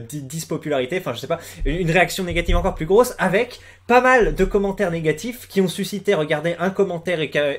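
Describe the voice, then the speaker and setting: Young male YouTuber, fairly high voice, hesitant casual commentary, lots of fillers, dry sarcasm. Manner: hesitant, many fillers and restarts. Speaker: YouTuber commenting on a music video. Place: room at home with the door closed.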